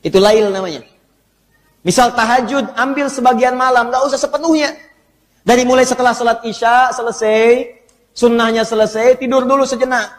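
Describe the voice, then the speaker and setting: A male preacher gives an Islamic sermon in an animated, humorous, teasing way. He is in a mosque hall. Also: very high voice, normal speed. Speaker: preacher, ustaz. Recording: long hall reverb.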